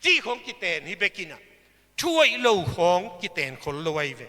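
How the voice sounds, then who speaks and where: A man preaching a sermon at a church service, slow and emphatic, with big swings in pitch and loudness. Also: very animated, long reverb tail.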